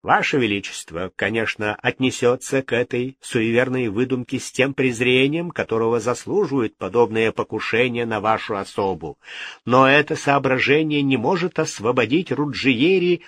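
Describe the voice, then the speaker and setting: A man voicing a composed, bold nobleman who presses an accusation calmly and firmly. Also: medium pitch, moderate pace, no echo, clean studio sound, close to an everyday voice. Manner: calm, firm.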